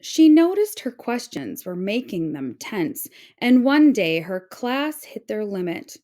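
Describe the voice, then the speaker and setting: A woman with a mid-range voice reads a children's picture book aloud slowly. Her storytelling is expressive and carefully phrased.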